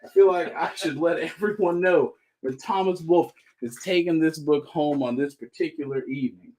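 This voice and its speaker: This is a man hosting a live sale stream, talking fast and breezy in an upbeat pitchman style. His voice sits a touch higher than most men's, and he keeps the patter light and joking as he moves through each item. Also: darkish tone. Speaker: host selling comics on a live stream. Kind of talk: live sales chat.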